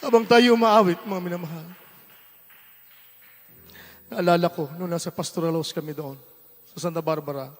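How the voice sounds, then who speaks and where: A man with a Filipino accent preaching a testimony sermon, moving from quiet storytelling to shouted praise. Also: sits high, steady tone, normal speed, long pauses. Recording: long hall reverb with faint music.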